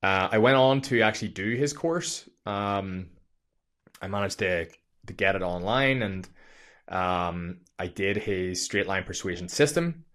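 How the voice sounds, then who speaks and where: Swearing, fast-talking man podcaster. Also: sits low. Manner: energetic, profane, lots of fillers. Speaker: podcast host. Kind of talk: casual storytelling monologue. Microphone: studio microphone.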